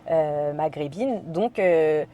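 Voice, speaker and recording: A French woman, a guest on a podcast, tells a personal story slowly in a low, mellow voice. She hesitates a lot, uses fillers and voices her own thoughts aloud, with a little hiss or hum in the audio.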